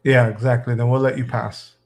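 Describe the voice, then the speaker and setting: A man's voice: medium pitch, a little fast. A man hosting a casual live stream, chatting with a woman and reading out viewer comments. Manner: relaxed, reads out viewer comments. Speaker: vlog host.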